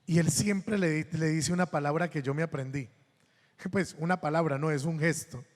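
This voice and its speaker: A man's voice: fairly high pitch, fairly even intonation, moderate pace, long reverb tail. A Colombian man, a priest giving a sermon, telling funny anecdotes and acting out the voices of the people in them. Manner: anecdotal, humorous, acts out quoted voices.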